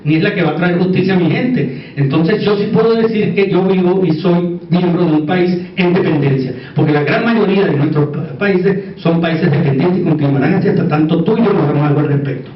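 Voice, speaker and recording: A man's voice: high voice, a little fast. A man with a Puerto Rican Caribbean Spanish accent giving an informal conference talk, conversational, repeating words for emphasis and checking that listeners agree. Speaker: conference speaker. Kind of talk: informal conference lecture with asides. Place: echoey indoor conference room. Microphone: distant microphone. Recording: echoey room, distant dull mic, faint noise.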